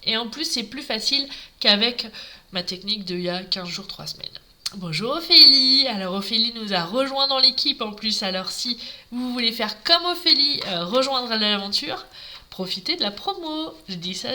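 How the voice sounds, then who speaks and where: Bright chatty French woman crafting live. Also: fairly high pitch, expressive, moderate pace, slight background noise. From Normandy, France. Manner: chatty, greets live viewers by name. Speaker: craft demonstrator. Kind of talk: live papercraft tutorial. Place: home craft table.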